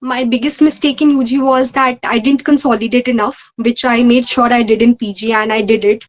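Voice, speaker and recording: Young Indian woman, higher-pitched voice. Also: steady tone, brisk, low-quality recording. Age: young adult. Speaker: interview guest, medical postgraduate exam ranker. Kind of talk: conversational interview answers.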